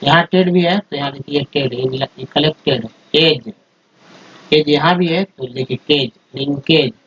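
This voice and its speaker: A man's voice: fairly high pitch, measured pace, a bit bright, a little hiss or hum. A man teaching English phonics, sounding out word parts one at a time and then joining them into whole words. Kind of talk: spoken phonics lesson over slides. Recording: dull lo-fi recording.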